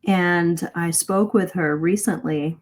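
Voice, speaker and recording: Speaking slowly with a steady tone and fairly low pitch, a middle-aged woman leads a live-streamed webinar on English pronunciation. She keeps things earnest and conversational while regularly correcting herself mid-sentence.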